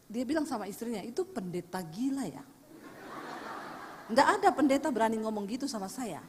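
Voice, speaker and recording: A woman pastor preaching a lively sermon, telling stories and teasing her congregation. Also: high voice. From Indonesia. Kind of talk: sermon with storytelling. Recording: long hall reverb.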